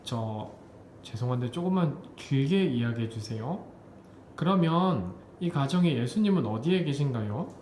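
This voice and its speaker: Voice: medium pitch, expressive, normal speed, darkish tone, reverberant, slight background noise, natural voice. An actor playing a hesitant polite TV producer. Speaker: TV producer figure in skit.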